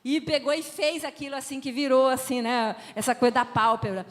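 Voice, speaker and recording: A woman preaches at a family conference. She tells her stories with lively emphasis. A long reverb from the hall trails behind her words. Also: high-pitched, brisk. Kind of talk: preaching talk with personal stories.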